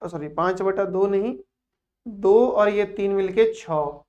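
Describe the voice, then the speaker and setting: A male math teacher talks his class through problems at an unhurried pace, breaking off for teasing jokes. His voice is captured in a dull, lo-fi recording. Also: high voice, darkish tone. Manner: playful, teasing asides between calculations. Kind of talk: classroom lecture.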